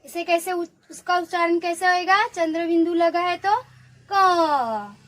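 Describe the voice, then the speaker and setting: This woman's voice is very high and fairly flat in pitch, moving at a moderate pace. She is a primary school teacher running an online class for young children, encouraging them to say sounds after her and praising each reply.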